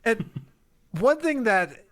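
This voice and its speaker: A man hosting a podcast in casual chat, excitable and enthusiastic. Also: very high-pitched, slow pace, dry recording. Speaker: podcast host.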